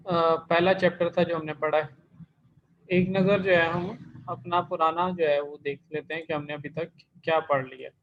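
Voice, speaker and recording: High-voiced man teaching an online class. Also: a bit bright. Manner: patient, explains step by step, repeats terms. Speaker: language teacher. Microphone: computer mic in an online class. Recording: dull lo-fi online class recording.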